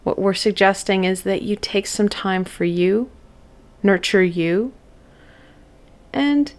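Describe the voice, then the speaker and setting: Woman, spiritual card reader, gentle, encouraging, medium voice, unhurried. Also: mid-range voice. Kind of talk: monthly oracle card reading.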